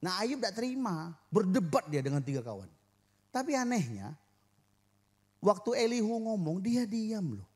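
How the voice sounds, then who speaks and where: A man's voice: sits high, very animated, moderate pace, darkish tone. A man preaching a sermon as pastor to his church, joking with the congregation and acting out quoted voices.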